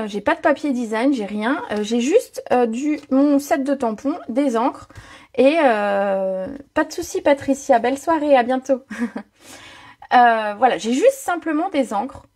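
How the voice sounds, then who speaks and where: High husky voiced woman doing a live stamping craft stream, lots of euh and voilà. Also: darkish tone. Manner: chatty, filler-heavy, greets viewers by name. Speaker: card-making demonstrator. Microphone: home setup, own mic.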